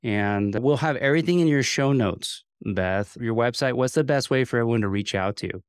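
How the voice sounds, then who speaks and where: A man's voice: medium pitch, brisk, clean tone, no room sound, studio quality. An American man hosting a podcast, chatting casually with a guest. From United States. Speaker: podcast host. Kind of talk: casual interview chat.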